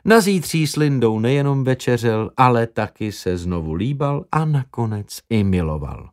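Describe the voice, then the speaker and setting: Expressive male audiobook narrator. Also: medium pitch. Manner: expressive storytelling.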